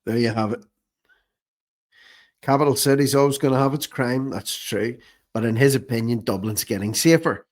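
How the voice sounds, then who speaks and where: An Irish man hosts informal online political commentary in a sarcastic, scornful way, frequently repeating phrases for emphasis. His voice is medium-pitched and a little mellow, moving at a normal speed with long pauses.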